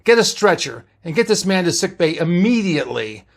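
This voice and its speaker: A man's voice: a little high, normal speed, natural voice. A man voicing an irritable middle-aged male ship's doctor, brusque and exclamatory.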